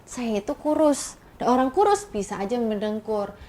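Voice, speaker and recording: Female host, infomercial health show: conversational presenting, slightly high pitch, reactive. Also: expressive, moderate pace, dark tone.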